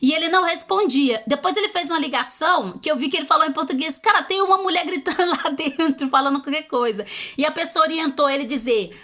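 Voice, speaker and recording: A Brazilian woman vlogger with a Brazilian accent gives casual, motivational language-learning tips, encouraging and emphatic in a conversational way. Her voice sits high and sounds bright and forceful, and she speaks quickly.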